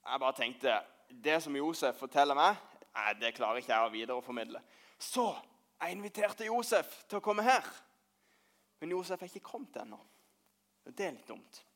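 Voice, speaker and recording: Man playing impatient postman, playful, chatty, children's church skit, slightly high voice. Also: fairly bright tone, natural voice. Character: impatient, joking male postman. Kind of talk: children's church role-play.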